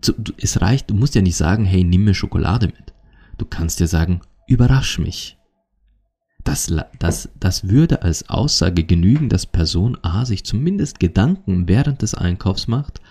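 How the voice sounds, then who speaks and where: A man's voice: deep voice, lively intonation, normal speed, hardly any pauses, dark tone, breathy edge. A man, hosting a podcast in an emphatic casual monologue and acting out both sides of conversations. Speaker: podcast host.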